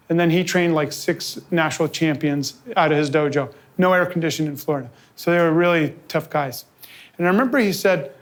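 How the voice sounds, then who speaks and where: High-voiced, energetic man presenting live. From New York. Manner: fast, animated storytelling with quick asides and quoted dialogue. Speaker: convention founder giving a presentation. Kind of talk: energetic live talk to an audience. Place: office event space with a live audience.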